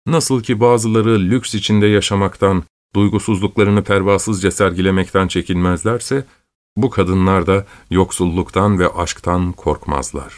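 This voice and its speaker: Low-voiced man reading a novel aloud. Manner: measured, literary, unhurried. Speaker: narrator. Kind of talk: scripted audiobook narration.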